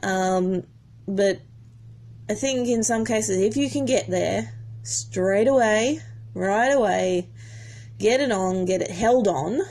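A woman's voice: mid-range voice, slow pace, darkish tone. A woman telling a personal story in a rambling, emotional way, with many restarts. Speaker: horse owner. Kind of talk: casual storytelling.

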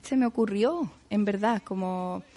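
A woman's voice: mid-range voice, measured pace, warm tone. Chatty Chilean woman being interviewed. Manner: chatty, filler-heavy, laughs easily. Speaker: guest. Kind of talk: casual interview chat.

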